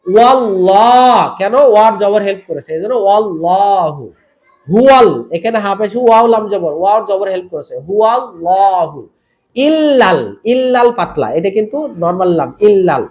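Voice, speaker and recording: High-voiced man teaching Quran recitation. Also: lively intonation, a little mellow. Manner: repeats drills, quizzes the viewer; draws out recited words slowly. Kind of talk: Quran tajweed lesson.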